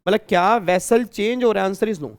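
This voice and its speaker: High, clear-voiced male tax teacher. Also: normal speed. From Kurukshetra, India. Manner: teasing, repetitive, asks the class questions. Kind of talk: online class lecture.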